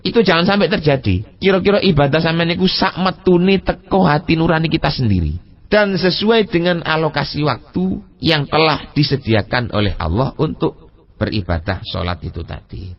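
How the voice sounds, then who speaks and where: A man with an East Javanese accent preaching at a religious study session, lively, asking rhetorical questions and speaking straight to his listeners, now and then chanting Arabic text with a Javanese gloss. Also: on the high side, moderate pace, lo-fi sound. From East Java. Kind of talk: mosque study sermon mixing Indonesian and Javanese.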